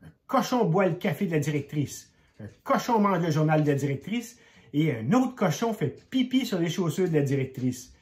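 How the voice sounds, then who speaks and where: An older grandfather reads a picture book aloud to children. His voice sits a little high and moves expressively, and he drops to a hush for suspenseful moments. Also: very animated, normal speed. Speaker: grandfather storyteller.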